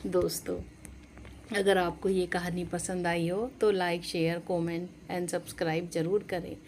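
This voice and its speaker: A woman storyteller giving a scripted storybook narration in a steady, expressive way. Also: lowish voice, slow pace, slight background noise.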